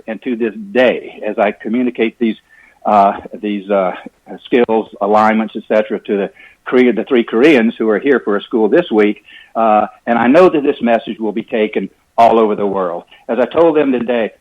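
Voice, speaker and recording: An enthusiastic man in his sixties telling stories as a golf instructor being interviewed, energetic, over a clipped phone connection. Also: mid-range voice, narrow, tinny audio. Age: 60s. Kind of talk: phone interview, animated storytelling.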